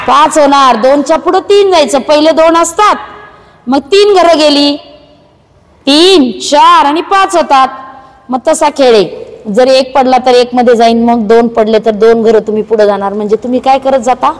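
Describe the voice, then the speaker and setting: High-voiced woman teacher in echoey classroom. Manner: brisk, coaxing, hurrying children along. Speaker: primary school teacher. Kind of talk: classroom teaching through a game. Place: school classroom with children.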